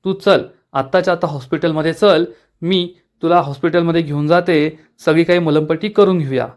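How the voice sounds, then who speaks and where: A man's voice: a little high, steady tone, a little fast, lightly acted. A man voicing a caring, stubborn young daughter who insists and pleads with her mother, in a serial recap. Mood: insistent.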